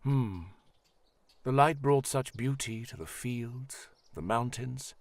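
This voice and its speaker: In a fantasy audio drama, a man plays an elderly high priest who is kind and solemn, speaking formally, evenly, and reassuringly. The recording has no echo, and the mood is solemn and reflective.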